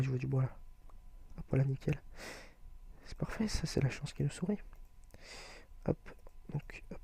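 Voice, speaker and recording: A man's voice: medium pitch, gravelly, mellow, husky. A young man giving casual gameplay commentary, explaining step by step with frequent hesitation fillers. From France. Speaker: gaming video creator.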